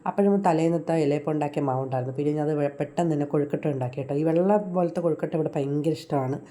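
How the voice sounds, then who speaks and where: A middle-aged woman tells a voice-over story of her day at home. She rattles through it at a breakneck pace in a dark, mellow, low voice. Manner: rushed, homely storytelling. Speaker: home vlogger.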